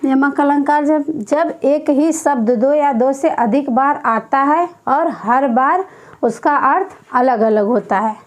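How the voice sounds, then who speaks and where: A young woman teaching an exam-prep Hindi grammar lesson, repeating each phrase slowly as if dictating while she writes. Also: sits high.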